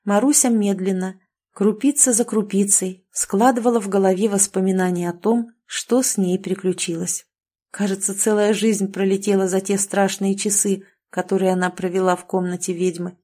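Woman narrator, audiobook reading, mellow dark voice, mid pitch, steady. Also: moderate pace.

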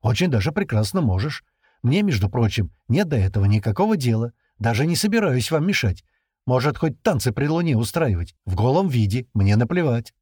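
A man's voice: medium pitch, sing-song, fairly quick, darkish tone, breathy edge, dry recording, clean studio sound. A man reading aloud and voicing an irritable, hunted middle-aged man who snaps and raises his voice. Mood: irritated.

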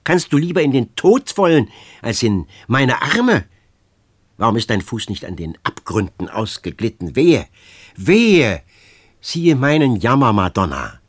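A man's voice: medium pitch, big pitch swings, normal speed, slightly rough. A man doing a desperate young woman, Fenice. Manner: pleading, rising into loud outbursts. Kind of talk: audiobook reading.

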